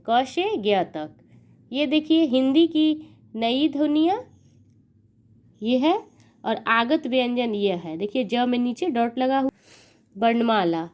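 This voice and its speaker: A woman's voice: on the high side, a little mellow. A young woman teaching a grammar lesson, spelling words sound by sound and counting each sound aloud. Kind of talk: slow explanatory grammar lesson.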